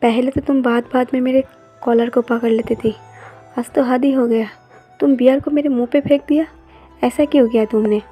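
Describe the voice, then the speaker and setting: A quarrelsome young man from a romance story, as a woman reading it aloud puts him on, spoken in an even, level way. The voice sits rather high and has a soft, mellow colour. Faint music plays in the background. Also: moderate pace, breathy edge. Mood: angry. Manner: plain even reading of dialogue.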